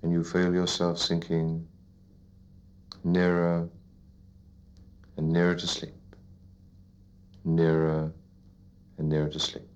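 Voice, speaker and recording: A man guiding a listener into sleep as a hypnotist, in a soothing, repetitive, deliberate narration with pauses, like a sleep story narrator. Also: low voice, monotone, a little mellow, a little hiss or hum. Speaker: hypnotist leading a relaxation induction. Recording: dull lo-fi recording.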